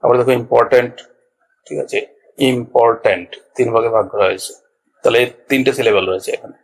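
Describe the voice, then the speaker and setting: Man, grammar teacher, patient explaining, husky tone, clip-on mic. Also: mid-range voice, fairly even intonation, rapid-fire, low-quality recording. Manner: patient, repeats points with checks like "all right". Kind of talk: explaining lesson to students. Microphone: small clip-on mic.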